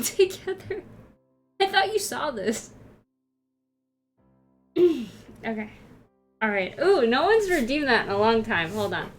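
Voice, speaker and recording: A woman streamer chatting casually with her viewers, laughing often and greeting them by name. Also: a little high.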